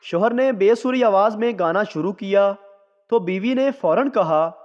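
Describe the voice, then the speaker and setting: A man reading out a series of short jokes in a scripted, unhurried storyteller's delivery. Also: high voice. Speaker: joke narrator. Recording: dull lo-fi sound with long reverb.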